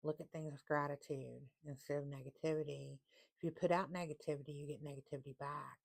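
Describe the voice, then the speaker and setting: A low-voiced woman gives a casual tarot reading, reading the card text slowly and deliberately and repeating her points for emphasis. Her tone is steady, with vocal fry and a slightly rough edge.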